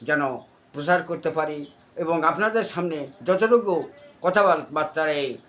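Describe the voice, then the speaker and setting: A man's voice: fairly high pitch, unhurried, a bit bright. A man in his sixties with a Bangladeshi accent, answering informally in an interview with wordy, repetitive explanations. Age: 60s. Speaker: interview guest recalling village folk theatre.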